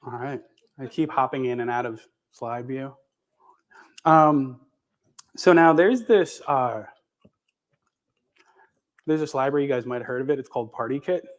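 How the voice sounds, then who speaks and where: A man's voice: medium pitch, unhurried, long pauses. A man giving a live conference tech demo in a loose, profane, filler-heavy way while chewing gum. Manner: casual, profane, lots of fillers and restarts. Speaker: conference speaker. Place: conference stage with audience.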